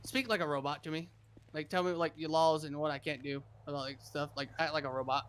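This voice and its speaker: A man's voice: a little high, fairly even intonation, quick pace, a bit bright, clear, resonant tone. A man playing a governor in a casual roleplay chat, rambling and repeating himself as he talks over others.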